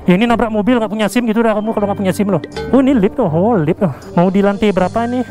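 A man's voice: sits high, racing, mellow. Man, Indonesian accent, casual vlogger, slangy, jokey exclamations, music behind. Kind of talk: casual vlog commentary to camera. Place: indoor theme park, action camera worn or held.

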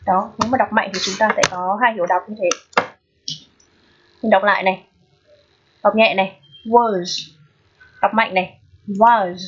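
A woman teaching an English pronunciation lesson. She explains patiently and keeps checking in with her students through quick questions. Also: mid-range voice, steady tone, fairly bright tone, slightly rough. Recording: dull lo-fi recording.

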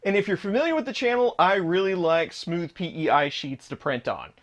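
A man's voice: high voice, expressive, fairly quick. A man in his thirties hosting a hands-on 3D printer build vlog in his home workshop, explaining parts as he shows them. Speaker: channel host.

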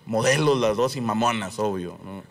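A man's voice: on the low side, moderate pace, vocal fry. A man with a Mexican accent doing a stand-up monologue on a comedy stage, telling stories with plenty of swearing and acting out the people he quotes. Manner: profane, lively storytelling, acting out quoted voices.

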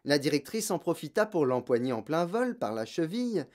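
An audiobook narrator reading a children's novel in an expressive, dramatic way. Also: medium pitch, fairly quick. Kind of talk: scripted storybook narration.

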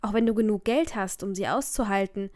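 A woman reading an audiobook, voicing a gentle, worried middle-aged mother who speaks with concern. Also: mid-range voice, fairly quick, no echo, natural voice.

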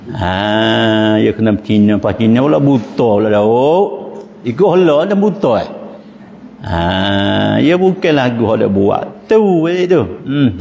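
A man with a Pattani Malay accent, an Islamic teacher giving a lively religious lecture, asking rhetorical questions and chuckling often. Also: fairly low pitch, creaky. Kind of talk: religious lecture in local dialect. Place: mosque. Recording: long reverb of mosque hall, faint noise.

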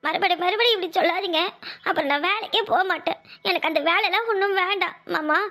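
A woman's voice: very high voice, fairly quick, sharp tone. A woman voicing a devoted young wife in a cartoon, pleading and affectionate. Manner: pleading, sing-song and affectionate. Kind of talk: cartoon voice acting.

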